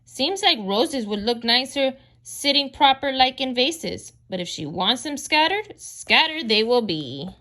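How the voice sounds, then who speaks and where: A woman's voice: high voice, big pitch swings, a little slow, few pauses, bright, forceful tone, full character voice. A woman voicing a chatty, literal-minded housekeeper in a storybook read aloud, with homey folksy phrasing. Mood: puzzled.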